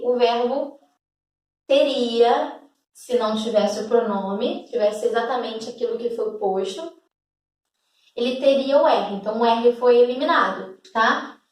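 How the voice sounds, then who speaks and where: A woman's voice: on the high side, darkish tone, recorded from a distance. A woman teacher, explaining a grammar rule step by step to schoolchildren and often checking that they follow. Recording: echoey room, away from the mic.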